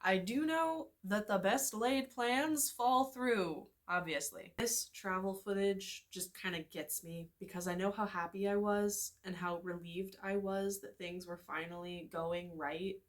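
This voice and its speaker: A woman's voice: medium pitch, a little slow, few pauses. A young woman narrating a vlog in a reflective, candid voice-over. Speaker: vlogger.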